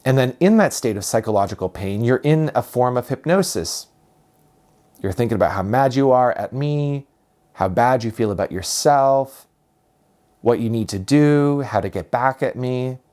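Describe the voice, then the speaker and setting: A man giving a reflective spiritual talk as a teacher, speaking calmly and unhurriedly and repeating phrases for emphasis. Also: mid-range voice, moderate pace.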